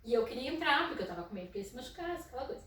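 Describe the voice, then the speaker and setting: Loud-voiced Brazilian woman in an echoey room. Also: high voice, very animated, rapid-fire. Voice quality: naturally loud speaking voice. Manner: storytelling with frequent "né?" tags and soft laughs. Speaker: psychologist in school inclusion. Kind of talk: casual educational talk. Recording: echoey room, mic at a distance.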